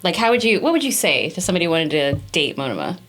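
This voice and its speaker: A woman's voice: on the low side, sing-song, rapid-fire, fairly bright tone. A woman co-hosting a casual podcast, playful and joking with her guest. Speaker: podcast co-host, voice actor. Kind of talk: casual chat.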